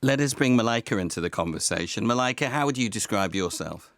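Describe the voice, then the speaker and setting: A man's voice: on the low side, lively intonation, quick pace, dry recording. A man interviewing guests on the radio, friendly and upbeat as he prompts them.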